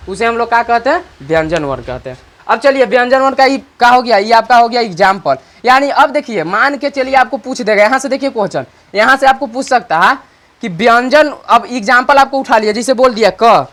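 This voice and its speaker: An online grammar instructor with an extremely high, slightly bright voice repeats his points again and again. He answers the questions he raises himself and dictates slowly while writing things down.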